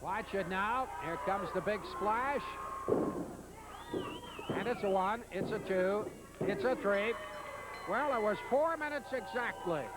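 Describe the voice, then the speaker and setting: A man's voice: high-pitched, slow, long pauses, loud music behind the voice. A man hosting a wrestling show and calling the action with dry, wry quips, on a 1989 TV broadcast. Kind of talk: TV wrestling commentary. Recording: 1989 TV broadcast with loud background noise.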